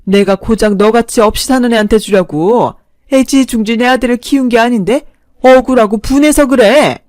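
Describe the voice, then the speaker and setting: A woman voicing a sharp-tongued, contemptuous middle-aged mother-in-law in a spoken story. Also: on the high side, moderate pace, no room sound, clean studio sound, pitched above the performer's own voice, close to an everyday voice. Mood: scornful. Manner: contemptuous, snapping.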